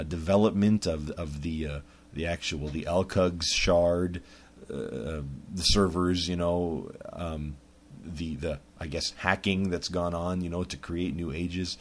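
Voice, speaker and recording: A man's voice: deep voice, breathy edge. A man hosting a podcast, talking casually in a rambling monologue full of restarts. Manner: rambling, lots of restarts and fillers. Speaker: podcast host.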